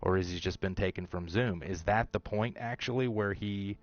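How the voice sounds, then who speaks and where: Deep-voiced man musing over a TV episode. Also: normal speed, highs cut off. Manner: speculative, rambling with fillers and restarts. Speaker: show host. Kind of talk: casual commentary on a TV episode.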